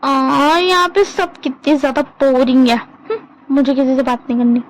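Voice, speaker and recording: A woman's voice: sits high, fairly even intonation, normal speed, close to an everyday voice, poor audio. A woman doing a whiny, dramatic young man. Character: dramatic, teasing young man, easily offended.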